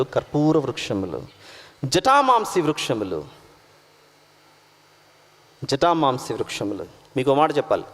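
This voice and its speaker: A male pastor from India delivers an emphatic sermon, rising to loud proclamations and dropping to quiet asides. His voice sits fairly high, and he drops English words into his talk. A long reverb from a church hall trails after each phrase. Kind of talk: sermon with live slide directions.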